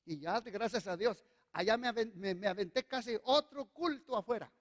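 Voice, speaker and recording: A man's voice: high voice, normal speed. A male pastor preaching a sermon, speaking emphatically and calling on the congregation to repeat after him. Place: church hall. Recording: long reverb of a church hall.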